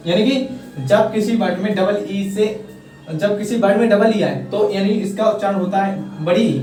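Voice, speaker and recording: Soft background music plays as a young English teacher with a Hindi accent casually explains a pronunciation lesson, checking often that his students follow. His voice is high-pitched and a little mellow, at normal speed. He encourages and coaxes, repeating "thik hai" often, and the echoey room leaves him sounding far off.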